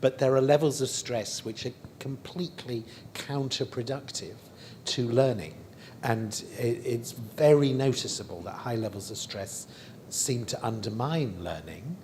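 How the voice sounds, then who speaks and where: A man's voice: mid-range voice, extremely slow, darkish tone, a little hiss or hum. A man speaking as an educationalist on a conference panel, reflective and thinking aloud with restarts. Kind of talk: panel discussion answer.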